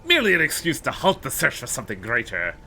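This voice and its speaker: A man's voice: medium pitch, huge pitch swings, fast talker, pushed and bright, husky, exaggerated voice. A man voicing an unhinged, grandiose cult leader villain, reading game dialogue in a strained, theatrical, ominous way. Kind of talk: dramatic read-aloud of game dialogue.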